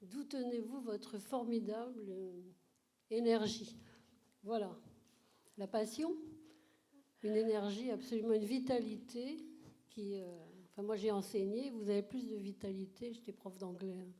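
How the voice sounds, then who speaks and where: A woman from the audience asks a question with admiring enthusiasm. Her voice is mellow and sits in a middle pitch. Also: fairly even intonation, unhurried, a little hiss or hum. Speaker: audience member asking a question. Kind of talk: question from the floor.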